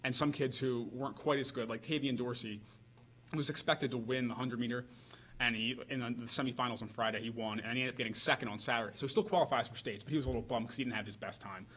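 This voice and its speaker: Fast-talking male sports reporter. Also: mid-range voice, fairly even intonation, fairly bright tone, breathy edge, poor audio. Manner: quick, loose talk with many fillers. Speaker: high school sports reporter. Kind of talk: casual radio sports chat. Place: radio studio.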